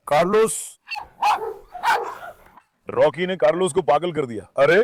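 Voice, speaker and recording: A man vlogging on his farm with a clip-on mic, calming his dogs with soft commands and chatting to viewers. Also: a little high, takes it slowly, heavy background noise. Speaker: farm dog keeper and channel host. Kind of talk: casual vlog talk to camera and dogs. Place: outdoors on a farm.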